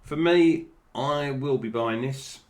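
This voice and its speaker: A man's voice: medium pitch, takes it slowly, a little mellow. A British man giving casual, unscripted toy review commentary, with slightly slurred, toothless articulation that stumbles over names.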